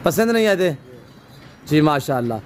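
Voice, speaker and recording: A man's voice: fairly high pitch, big pitch swings, moderate pace, a little hiss or hum. Effusive man vlogging from a goat farm. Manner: effusive, many religious blessings. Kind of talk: promotional farm vlog with interviews. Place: outdoor goat farm pens.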